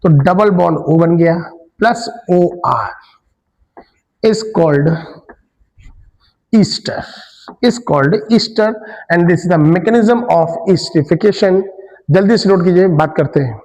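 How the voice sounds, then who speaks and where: A man's voice: sits high, slow, a little mellow, long reverb tail, low-quality recording. A male chemistry teacher giving a classroom lecture. He mixes Hindi with English terms and keeps asking students questions, then answers them himself.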